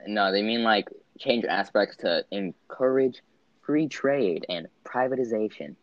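A young man in casual chat with a friend, joking and animated, laughing often. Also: on the low side, a little slow, no echo, muffled recording.

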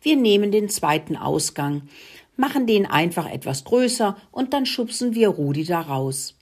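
A woman voicing a small male animal who squeaks calmly, in a breathy voice. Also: unhurried, full character voice. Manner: squeaky, calm.

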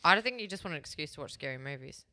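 A woman's voice: deep voice, animated, rapid-fire, bright, forceful tone, no room sound, studio quality. A woman co-hosting a podcast, talking bluntly and animatedly, swearing freely in casual chat. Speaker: podcast co-host.

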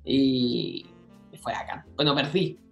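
A young man with a Chilean accent, a guest telling stories in a casual interview, full of slang and quick asides. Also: mid-range voice, expressive, creaky, roomy sound, muffled recording, faint music behind. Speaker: guest, content creator.

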